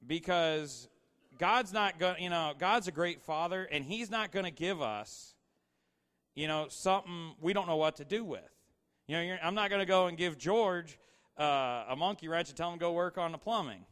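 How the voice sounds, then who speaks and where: Guy giving a chatty sermon, kinda high voice, lots of you-knows, long echo of a big hall. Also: moderate pace, fairly bright tone. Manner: casual, storytelling, asks the audience questions; filler-heavy, repeats "you know". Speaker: preacher. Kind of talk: conversational sermon. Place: large hall with slides.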